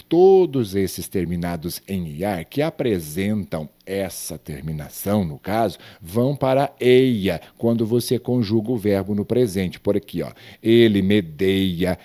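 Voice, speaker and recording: A man teaches grammar to viewers online. His voice is low and mellow, and it rises and falls a lot. He drags words out for emphasis and keeps asking the viewer questions.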